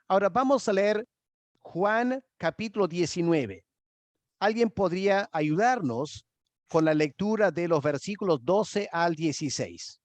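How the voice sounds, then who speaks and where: A man, a pastor, teaching a Bible study slowly and deliberately, asking his listeners questions into a microphone. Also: high-pitched, no echo. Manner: slow, deliberate, asks the class questions.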